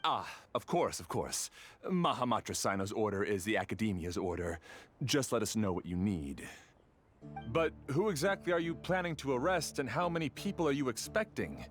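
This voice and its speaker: A man's voice: medium pitch, sing-song, moderate pace, natural voice. Nervous, obedient guard voiced by a man, formal, eager, swooping intonation, faint music, game dialogue. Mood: flustered, deferential. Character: deferential, flustered male garrison guard. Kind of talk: video game voice acting.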